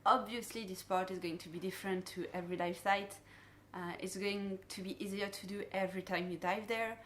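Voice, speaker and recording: A woman's voice: mid-range voice, fairly even intonation, fairly quick, fairly bright tone, slight background noise. French-accented woman giving a dive safety briefing. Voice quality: non-native English phrasing. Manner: explanatory safety briefing delivery, addressing divers directly. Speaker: dive guide and instructor. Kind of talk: instructional dive briefing talk.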